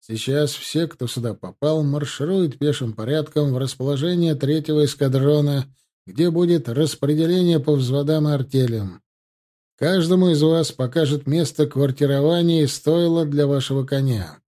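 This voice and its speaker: A man voicing an officer who shouts clipped drill commands at new recruits in a storybook reading. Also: on the high side, moderate pace, natural voice. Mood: commanding.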